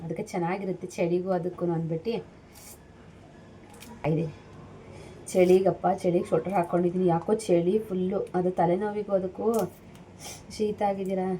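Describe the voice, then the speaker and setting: A woman's voice: fairly low pitch, little pitch movement, normal speed, pauses often, dark tone, slight background noise. A woman in her thirties from Karnataka, chatting casually to viewers about homely cooking steps in her kitchen. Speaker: vlogger, mother. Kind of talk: casual cooking vlog chat. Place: home kitchen.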